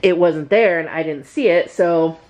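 A woman's voice: lowish voice, normal speed, a little mellow. A young woman vlogger telling a personal story in a casual, chatty way, full of "like" and "um.". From United States. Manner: chatty, lots of "like" and "um".

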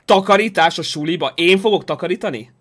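A man streaming a game live, chatting excitably with his viewers, reacting aloud and thanking supporters. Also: high voice.

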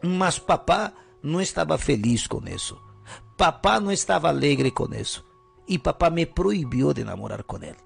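A man's voice: a little high, very animated, moderate pace, vocal fry, faint music behind. A man telling a first-person story, hesitant and full of fillers.

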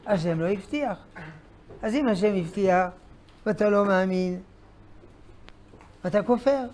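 A man's voice: high voice, a little mellow. An older man, a rabbi, giving an emphatic Torah lesson, repeating key phrases and asking rhetorical questions.

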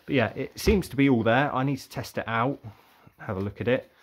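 In a brisk, mid-range voice, a young vlogger talks through the bargains he picked up at a car boot sale. He keeps it casual, rambling and musing aloud as he shows each find.

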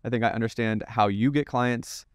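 A man's voice: medium pitch, fairly even intonation, moderate pace, smooth, no room sound, clean studio sound. A man hosting a casual interview, asking questions in a laid-back, joking way. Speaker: podcast host.

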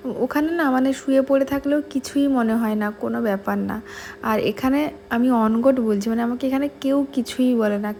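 A young woman vlogging casually to camera at her family home, chatting in a confiding way and sometimes dropping her voice low. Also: gravelly, warm tone, a little hiss or hum.

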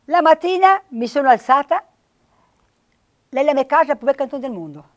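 A woman's voice: high voice, animated, normal speed. A woman with a Trentino accent, talking as a guest in an effusive, rambling chat. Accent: Trentino dialect. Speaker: guest poet. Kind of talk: casual chat.

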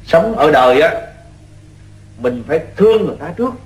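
A fussy but kind country dad from an old radio show , acted by a man, with a Southern Vietnamese accent. His voice runs high and swings widely, folksy and exclamatory, in a roomy echo over music. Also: expressive, fairly quick, close to an everyday voice. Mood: gently instructing. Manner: folksy, exclamatory, repeats himself when giving orders. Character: fussy, kind-hearted rural Vietnamese father. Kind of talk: radio drama acting in the manner of an old radio show.

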